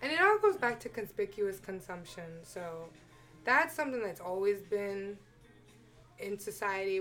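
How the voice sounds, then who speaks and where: Opinionated young woman, laughing often. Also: medium pitch. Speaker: podcast guest. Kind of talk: casual chat.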